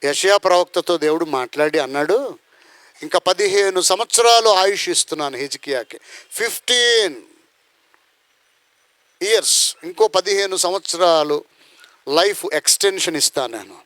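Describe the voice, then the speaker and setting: Preaching a sermon, this Indian pastor speaks in a high-pitched, slightly bright voice with lively intonation, a moderate pace, and long pauses, with no echo. He poses rhetorical questions, voices the people he quotes, and breaks into song.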